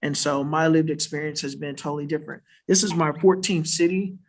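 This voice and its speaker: Speaking a little fast in a somewhat high voice with little pitch movement, a man from South Florida answers an audience question on a church panel in a worship center. He explains earnestly and often tags his points with a questioning "right?"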